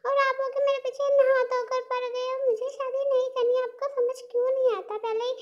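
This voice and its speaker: A woman's voice: very high-pitched, level tone, brisk, muffled recording. A woman voicing an irritated young woman who stubbornly refuses an arranged marriage.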